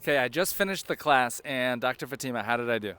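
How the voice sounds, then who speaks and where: A man's voice: mid-range voice, expressive, quick pace, sharp tone, slight background noise. A man hosting a casual vlog, chatty and upbeat as he walks around a college campus, a little out of breath. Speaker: vlogger host.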